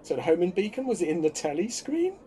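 Sardonic man, mellow voice. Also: high-pitched, very animated, brisk, slight background noise. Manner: sardonic, exasperated. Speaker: podcast co-host. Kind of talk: casual chat.

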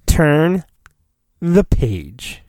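A podcast host, a middle-aged American man, gives a storybook a dramatic reading on his phone, interrupting himself with informal wisecracks. His voice sits on the high side, very animated, extremely slow and a little mellow. The sound is studio quality despite being a homemade phone recording with roomy echo and faint music.

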